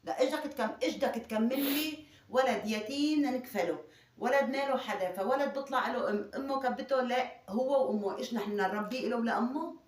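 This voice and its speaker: A woman argues in a rush, her words tumbling out at a fast clip. She keeps pressing with insistent questions, and her voice rings around an echoey room. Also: on the high side. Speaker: wife being pranked. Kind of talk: heated domestic argument.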